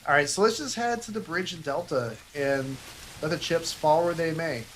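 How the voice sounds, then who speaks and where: A man's voice: a little high, normal speed, a little hiss or hum. A young man casually commentating his own livestream, self-deprecating and rambling, muttering to himself. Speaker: gaming livestreamer.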